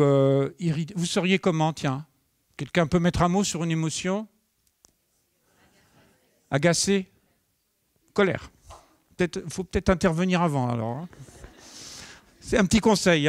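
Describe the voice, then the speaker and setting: A middle-aged man teaches at a conference in a fairly high voice, recorded close and dry. He keeps it lively, acting out little exchanges and turning to the room with questions. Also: dry recording. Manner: lively, acts out dialogue, asks the audience questions. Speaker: nonviolent communication trainer. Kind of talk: live conference talk to an audience.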